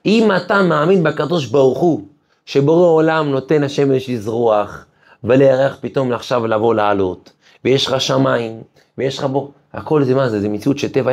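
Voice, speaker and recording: Gravelly and somewhat dark, this man's mid-range voice delivers a weekly Torah class with the urgency of a sermon. The rabbi recounts stories, throws rhetorical questions at his listeners and rises to ardent peaks.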